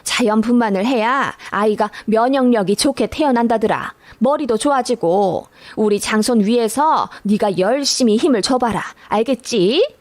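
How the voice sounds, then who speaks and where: A woman's voice: moderate pace, hardly any pauses, darkish tone, no echo, natural voice. A woman voicing a pushy older mother-in-law who nags and bosses her daughter-in-law around. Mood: shrill demanding. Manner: bossy, nagging, shrill when angry.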